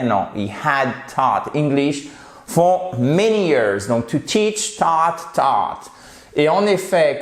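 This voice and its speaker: A man explaining English irregular verbs in a patient lesson, slowly repeating example sentences. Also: medium pitch, reverberant. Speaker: English teacher. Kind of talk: French-language English grammar lesson.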